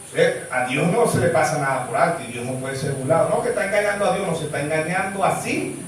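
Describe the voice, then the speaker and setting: A man's voice: fairly high pitch, fast, slight background noise. A man with a Venezuelan accent preaching a sermon as pastor, throwing rhetorical questions at the congregation. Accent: Venezuelan Spanish. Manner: rhetorical questions, asking "¿sí o no?" for replies. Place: church hall. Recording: very echoey hall, voice far from mic.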